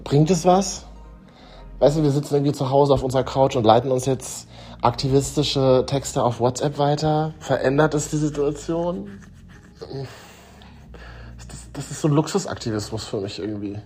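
A man's voice: mid-range voice, moderate pace, mellow, soft background music. A man recording a casual voice memo on his phone at home, speaking in a chatty, wry way with laughter. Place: at home on a couch.

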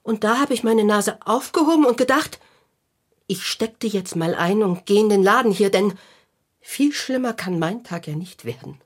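A woman's voice: medium pitch, lively intonation, normal speed, natural voice. A woman playing a glum, sulky clown lady. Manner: sulky, glum, self-pitying. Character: grumpy gloomy adult female clown. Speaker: actress. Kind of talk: children's radio play acting.

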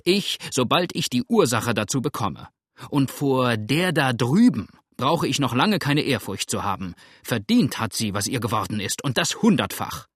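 A man reading an audiobook, voicing a hot-tempered Virginian who speaks defiantly and loudly. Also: medium pitch, sing-song, normal speed, husky, no echo, clean studio sound. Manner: defiant, loud.

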